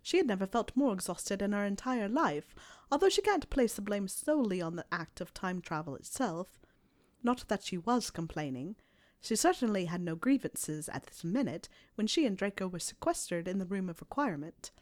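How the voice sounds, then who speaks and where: A woman narrating a story aloud in a measured, soft storytelling delivery. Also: medium pitch. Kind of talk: reading fan fiction aloud.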